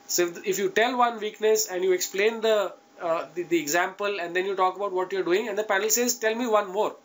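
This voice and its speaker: A man's voice: high voice, steady tone, brisk, fairly bright tone, rough recording. A man with an Indian accent giving informal, direct advice to students as an interview coach, emphatic and often checking in with his listeners. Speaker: interview coach teaching an online class.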